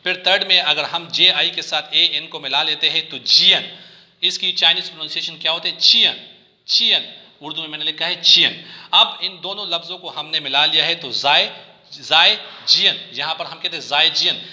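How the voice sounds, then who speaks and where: A man teaching a language lesson, patiently repeating each word slowly for learners. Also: fairly high pitch, fairly even intonation, bright, forceful tone, echoey room.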